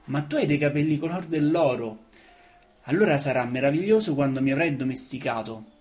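A woman's voice: low voice, animated, brisk, soft background music. A woman doing a wistful wise storybook fox. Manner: earnest, explaining, a little louder.

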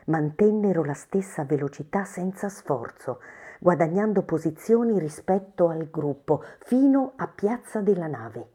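A woman narrating a story in a measured, expressive reading style. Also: fairly low pitch, slightly rough.

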